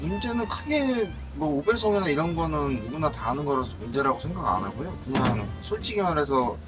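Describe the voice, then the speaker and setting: A man's voice: fairly high pitch, fairly quick, over loud music, low-quality recording. A man working as a delivery driver, talking frankly and plainly about his job in an interview. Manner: frank, animated, talks plainly about work. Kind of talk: casual interview.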